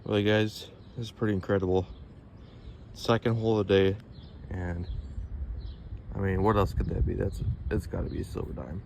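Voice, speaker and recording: A man's voice: low voice, steady tone, moderate pace, creaky, pauses often. A man casually narrating his metal detecting finds to viewers with wonderstruck exclamations, recorded outdoors. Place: outdoors in a torn-out street. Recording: noisy outdoor recording with ambient sounds.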